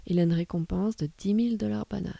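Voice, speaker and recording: A woman's voice: mid-range voice, steady tone, fast talker, vocal fry, dark tone, no room sound. A woman reading as a coaxing grown man. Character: grown man recruiting children to fight.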